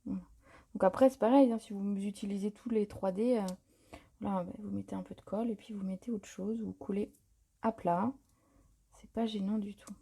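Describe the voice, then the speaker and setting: A woman's voice: mid-range voice, normal speed, creaky, husky. A woman hosting a live paper-craft tutorial, talking casually and improvising as she works, with plenty of fillers and self-corrections. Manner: chatty and relaxed, many fillers and self-corrections.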